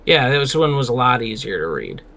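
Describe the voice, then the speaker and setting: Bright-voiced man retelling Bible stories. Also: mid-range voice, moderate pace, creaky, slight background noise. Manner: animated, slangy, retells scenes in acted quotes. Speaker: podcast co-host. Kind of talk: casual Bible discussion.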